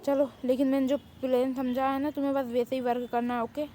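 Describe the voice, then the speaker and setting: A woman's voice: high voice, little pitch movement, fairly quick, mellow, slight background noise, close to an everyday voice. A woman voicing a cheeky, boastful young woman who loves to pester everyone. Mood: teasing. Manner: brash, teasing, boastful.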